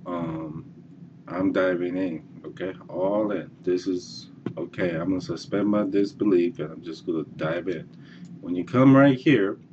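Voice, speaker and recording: Casting: low-voiced man, casual course presenter, halting and repetitive, slightly muffled recording. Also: a little mellow, a little hiss or hum. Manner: halting, repeats and restarts, says okay a lot. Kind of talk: casual screencast walkthrough.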